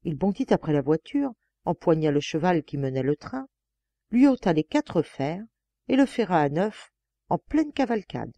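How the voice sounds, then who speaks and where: A woman reads a classic fairy tale aloud with a lively, expressive rise and fall. Her tone is mellow and soft-edged. The close mic gives a dry, booth-like sound. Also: lowish voice, moderate pace, no room sound. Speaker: audiobook reader. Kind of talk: scripted fairy-tale narration.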